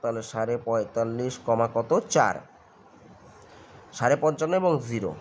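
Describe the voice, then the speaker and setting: পশ্চিমবঙ্গের বাংলা টানে একজন পুরুষ গণিত শিক্ষক ধৈর্য ধরে ধাপে ধাপে অঙ্ক বোঝাচ্ছেন আর বারবার জিজ্ঞেস করছেন ছাত্ররা বুঝল কিনা।. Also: male voice, mid-range voice, moderate pace, a little hiss or hum. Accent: West Bengal Bengali. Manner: patient, keeps checking understanding with "got it?". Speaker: maths tutor. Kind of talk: step-by-step maths lesson.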